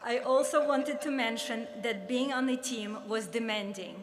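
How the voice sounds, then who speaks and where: Her voice a little high and her pace moderate, a Soviet-born woman in her fifties with a Russian accent looks back earnestly on her career. She is a former player giving an induction speech, heard in the echo and faint ambience of a large awards-ceremony hall.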